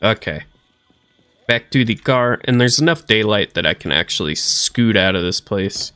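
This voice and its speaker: A man in his thirties, apparently a let's play streamer, casually narrates a survival game while playing, chatting to himself goofily and slipping into silly voices. His voice is fairly low, clear and resonant, with a sharp tone, lively intonation and a moderate pace. Soft music plays in the background.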